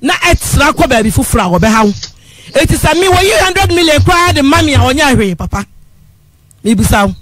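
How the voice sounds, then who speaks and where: Her voice high-pitched, expressive and fairly bright, a radio caller pleads a little fast with the host, insistently calling him "father" throughout her passionate complaint. There is no room sound.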